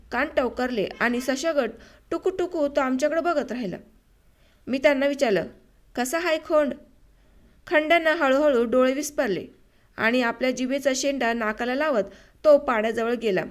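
A woman narrating a short story for an audiobook in a measured, unhurried reading. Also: sits high.

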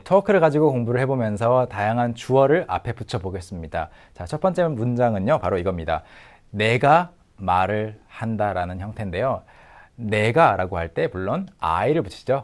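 A middle-aged man giving a recorded language lecture, patiently drilling short phrases slowly and repeating them. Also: fairly low pitch, darkish tone. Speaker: English teacher.

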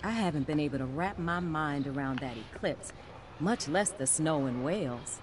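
Calm science teacher. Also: female voice, low voice. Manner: measured, concerned, explanatory. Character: calm, earnest adult woman science teacher. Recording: game audio under a livestream, with background noise.

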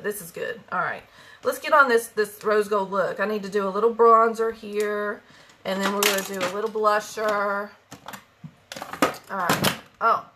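Her mid-range voice is pushed and bright, with a slight hiss or hum in the audio. She's a West Virginia woman with an Appalachian country accent, casually chatting on a live makeup stream and calling out viewers by name.

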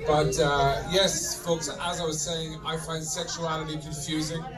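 A middle-aged Irishman performs stand-up on a club stage, deadpan and swearing freely as he addresses the laughing crowd directly. His voice is a little high and unhurried. It was filmed from the audience on a handheld mic, so the room sound is distant and full of laughter.

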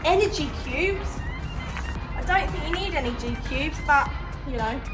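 A woman's voice: sits high, expressive, moderate pace. A young woman chatting casually and playfully as a vlog host, talking to a pony as she goes. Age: young adult. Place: large warehouse, partly outdoors. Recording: background music, busy warehouse noise.

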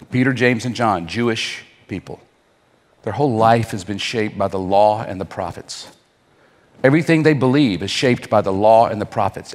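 A man preaching a sermon, asking the crowd rhetorical questions and leaving dramatic pauses. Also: on the low side, in a large hall. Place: church hall.

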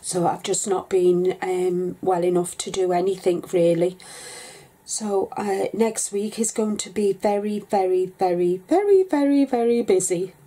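Congested and coughing from a cold, a craft vlogger rambles casually to her desk webcam from her home craft room, full of ums. She speaks in an unhurried, mid-range voice with a dark tone.

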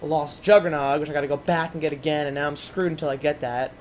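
A man giving casual, rambling gameplay commentary, chatting excitably to his viewers. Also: fairly high pitch, quick pace, slight background noise.

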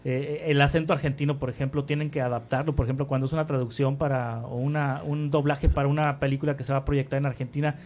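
A man hosting a radio interview, asking short curious questions and giving quick affirmations. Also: mid-range voice, flat delivery, a little mellow. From Sonora, Mexico.

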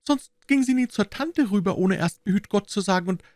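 A man voicing a pale little girl of about five in an audiobook, with a high childlike falsetto and a plaintive manner. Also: lively intonation, brisk, no room sound, studio quality. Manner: plaintive, then bright and eager. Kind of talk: audiobook character voice.

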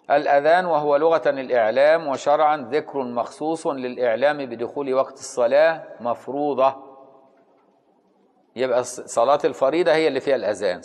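A man's voice: mid-range voice, darkish tone, big-room sound. A man with an Egyptian Arabic accent teaching Islamic law. He reads from a classical text, then explains it in everyday speech and often asks his listeners whether they follow.

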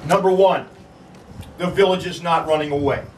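A man's voice: fairly high pitch, fairly even intonation, moderate pace. A male park ranger telling a battle story vividly outdoors, acting out the people in it. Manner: vivid, acts out quotes. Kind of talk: dramatic historical storytelling. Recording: echoey, distant from mic, faint noise.

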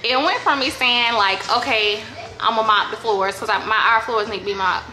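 A woman in her thirties chats casually to the camera in a family vlog from her home kitchen, calling viewers y'all and joking about her chores. Her voice is on the high side with a sharp tone at normal speed, in an echoey room with background noise.

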